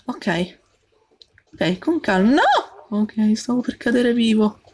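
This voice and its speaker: Gaming host, female, bright higher voice, slow unhurried delivery, jumpy with little yelps. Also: expressive, husky. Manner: jumpy, talks to the game character and viewers, frequent yelps. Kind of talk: let's play commentary.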